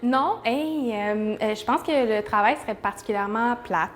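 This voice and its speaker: A woman's voice: on the high side, moderate pace. Earnest Québécois woman, shelter worker. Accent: Québécois French. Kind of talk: interview answers.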